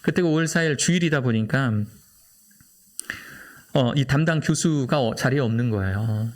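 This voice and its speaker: A man's voice: mid-range voice, normal speed. A middle-aged man preaching a sermon in a church, telling a personal story earnestly and building to impassioned emphasis. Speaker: pastor. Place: church sanctuary.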